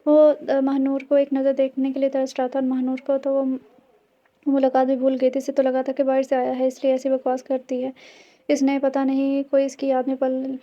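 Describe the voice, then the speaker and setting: A woman's voice: sits high, completely flat delivery, normal speed, dark tone. A woman narrating a romance audio novel, reading evenly with small slips and restarts. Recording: dull lo-fi recording.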